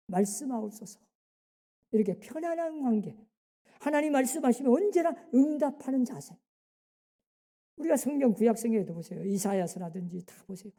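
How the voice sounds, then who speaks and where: A woman's voice: a little high, mellow. Woman preaching in a reverberant church. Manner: emphatic preaching with rhetorical questions and interjected "예?". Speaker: pastor. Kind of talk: sermon. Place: church sanctuary. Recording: long hall reverb in a church.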